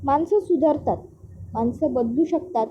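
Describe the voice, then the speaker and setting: An irritated young man brushes off his family's questions, as a woman reading a serial recap puts him on. The voice is high and defensive. The sound is a little dull. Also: normal speed, background noise, lightly acted.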